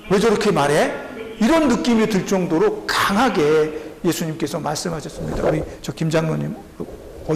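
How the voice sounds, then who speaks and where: A male pastor preaching a sermon to his congregation, animated and acting out the people in the story. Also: a little high, gravelly, background noise. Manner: speaks directly to the congregation. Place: church sanctuary. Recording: echoey church hall, faint ambience.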